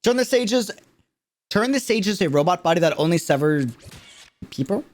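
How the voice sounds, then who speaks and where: A streamer whose voice sits high talks at a normal speed in an animated way while reacting to a game character trailer. He keeps things casual and slangy, stressing his points and repeating phrases for effect.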